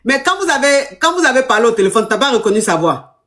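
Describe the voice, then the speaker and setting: A woman's voice: a little high, big pitch swings, fast talker, a bit bright. A woman hosting a live call-in advice show, often stumbling and repeating words as she starts her sentences. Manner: stammering restarts, repeats words. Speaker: host.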